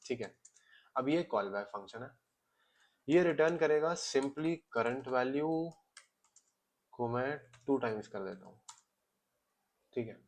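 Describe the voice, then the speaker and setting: A man teaching a coding lesson over his screen, explaining each step calmly in Hindi mixed with English terms and often checking in with "ठीक है". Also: medium pitch. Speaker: coding tutor.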